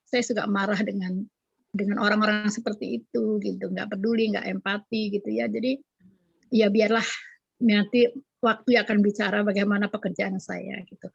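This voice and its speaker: A woman's voice: medium pitch, fairly even intonation, moderate pace, vocal fry, slightly rough, no echo, muffled recording. A woman who cares for special-needs children speaks in an emotional way from her garden, often crying out to God. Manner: emotional, with religious exclamations. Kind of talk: casual live chat. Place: garden, outdoors.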